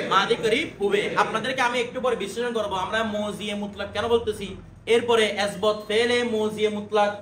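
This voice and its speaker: A man teaching a class, drilling pronunciation and quizzing his students. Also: sits high. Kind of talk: classroom lesson. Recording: echoey room with background noise.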